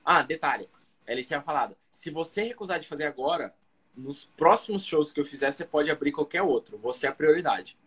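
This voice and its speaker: A man's voice: on the high side, expressive, brisk, a bit bright, breathy edge. A young man from Cuiabá, a guest comedian, telling a long story in casual slang and acting out the other people in it. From Cuiabá, Brazil.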